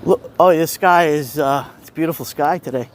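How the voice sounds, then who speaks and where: A man's voice: on the high side, a little fast. A middle-aged man with an Italian-American Brooklyn accent, chatting casually to viewers as he livestreams a walk outdoors. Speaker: livestream host. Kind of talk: casual walking livestream chat, replying to viewers. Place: outdoors walking on a city street. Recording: outdoor street noise. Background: street ambience, passing vehicles.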